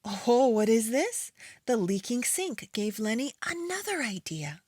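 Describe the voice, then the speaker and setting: A woman reading aloud to young children as a preschool storytime host, in an expressive storytime voice. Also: fairly high pitch, breathy edge, no echo, studio quality. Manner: storytime voice, slow and expressive with acted animal and object sounds.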